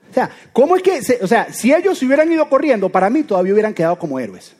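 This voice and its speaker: A man delivers a sermon in a high voice that climbs and dips freely. He keeps it conversational and animated, firing off rhetorical questions at his listeners. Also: very fast. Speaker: preacher.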